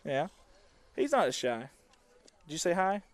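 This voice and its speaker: A man doing chatty, rambling live softball commentary outdoors. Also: on the high side, very animated, a little slow. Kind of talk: casual live sports commentary. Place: outdoor softball field on a windy day.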